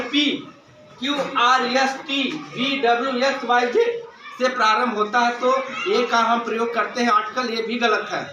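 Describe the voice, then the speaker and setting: A man with a very high voice teaches a classroom grammar lesson, posing questions and answering them himself. He calls his students "beta". He is recorded from far off in an echoey room with noise behind him. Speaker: school English teacher.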